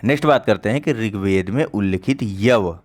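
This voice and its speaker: A man with a fairly low voice teaches an online exam-prep lesson. He talks in a casual, chatty way, repeats each answer and often stops to check that his students are following. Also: lively intonation, moderate pace. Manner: conversational, repeats key answers, checks understanding with "ठीक".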